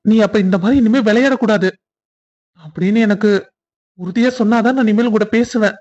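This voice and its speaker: A performer voicing a young husband in a cartoon story, earnest and quick to scold. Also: medium pitch, a little mellow, dull audio, close to an everyday voice. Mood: tender. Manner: stern then tender, scolding. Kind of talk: cartoon voice acting.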